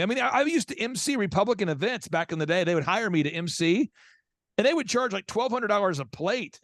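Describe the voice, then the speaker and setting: Brief: lively male guest storyteller, high voice, acts out quotes, dry studio sound. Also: no room sound. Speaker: guest speaker and event organizer. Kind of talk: casual podcast conversation.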